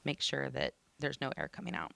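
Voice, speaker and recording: A woman's voice: a bass voice, lively intonation, a little fast, gravelly, a bit bright, a little hiss or hum. A woman giving live explanatory commentary, conversational and plain in how she explains technical terms. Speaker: launch broadcast commentator.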